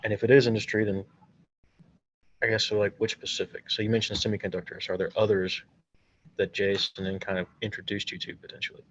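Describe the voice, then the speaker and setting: A man's voice: lowish voice, level tone, fast, fairly bright tone, dull audio. A young man in his twenties, a graduate student moderating a seminar interview over a video call, asking loose questions with restarts.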